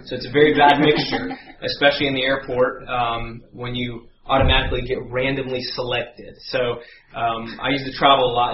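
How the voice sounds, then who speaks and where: A man telling a lively story in a sermon, acting out voices and sound effects as he goes. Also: medium pitch. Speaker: guest preacher. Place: church sanctuary. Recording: echoey church, dull sound, faint hum.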